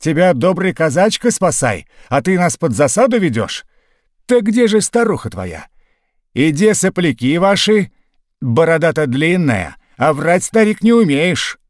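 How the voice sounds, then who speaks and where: A man voicing a rough, crafty Cossack sergeant who talks in a folksy, mocking way. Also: mid-range voice, sing-song, normal speed, darkish tone, no echo, clean studio sound, close to an everyday voice.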